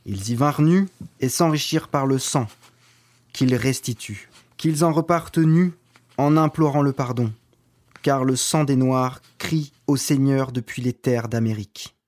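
A man's voice: mid-range voice, a little slow, darkish tone, lightly acted. A man playing an indignant seventeenth-century missionary priest, reading historical writings in a solemn, declamatory way over music. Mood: solemn insistence.

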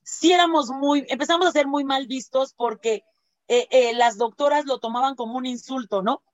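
In a relaxed interview, a Mexican-accented woman who works as a laughter doctor spins animated stories, frequently performing quotes and leaning on fillers and tag questions. She speaks at a normal speed in a high voice, on a dry recording with the highs cut off.

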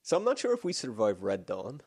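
A man's voice: mid-range voice, huge pitch swings, a little fast, gravelly, a little mellow, breathy edge, no room sound, clean studio sound. A man in his thirties in a casual comedic chat, rambling and jokey, laughing often and restarting his sentences.

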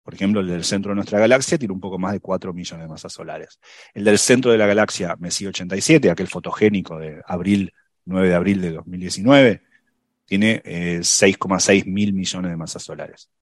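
Low-voiced man explaining science, dry sound. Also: fairly quick, no room sound. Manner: thinks aloud with many fillers and restarts. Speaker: science podcast panelist. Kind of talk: casual explanatory chat.

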